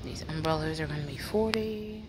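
Filming on her phone as she strolls a big indoor store, a shopping vlogger narrates a walk-through haul, calling out sale prices in a practical, chatty way. Her voice is low-pitched at normal speed, with store noise in the background.

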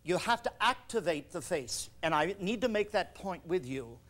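Man, choral conductor, high voice, brisk coaching commands, instructional workshop. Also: big pitch swings, fairly bright tone. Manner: coaching singers with quick commands and questions.

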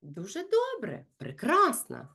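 A woman running a consultation for parents, speaking slowly and clearly and acting out lively sing-song examples. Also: sits high. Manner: addresses parents directly, gentle and instructive. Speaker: speech therapist consulting parents.

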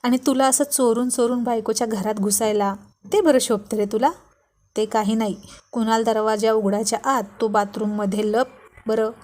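A woman voicing a panicky, quick-tempered young wife who scolds and pleads with her husband. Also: on the high side, steady tone, darkish tone, natural voice. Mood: flustered scolding.

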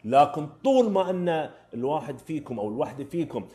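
A man's voice: on the high side, sing-song, fast talker, mellow. A man with an Omani Arabic accent, hosting a live stream where he answers viewers' driving questions in a casual, emphatic way and repeats his key phrases. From Oman.

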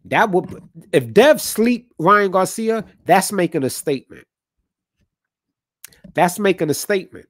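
In a home room lit with colored lights, a man in his thirties hosts a boxing livestream, chatting casually, sharing opinions, and reading chat comments aloud, a little stuffy from a cold. His high, animated voice is slightly bright and keeps a measured pace with frequent pauses. The studio-quality audio has no room sound.

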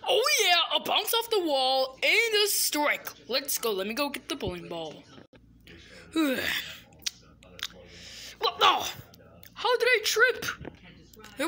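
A performer voicing an excitable, easily panicked little boy who talks to himself. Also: sits high, slow pace, long pauses, full character voice.

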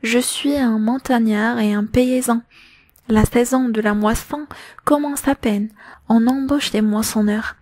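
A grave, devout middle-aged father speaks calmly and steadily in an audiobook, as a high-voiced woman narrator reads his lines. The voice is light and close, in a dry recording. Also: unhurried, no echo. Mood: steady. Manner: calm, steady, consoling. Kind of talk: audiobook reading of a novel.

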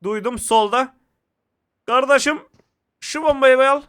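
A young man giving excitable, casual commentary to viewers while playing a mobile shooter game. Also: extremely high pitch, a little slow, clear, resonant tone.

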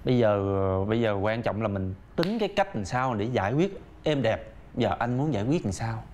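A man's voice: medium pitch, animated, moderate pace, a little mellow, a little hiss or hum, close to an everyday voice. An actor playing a deferential, polite young man in a family sitcom. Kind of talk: sitcom acting.

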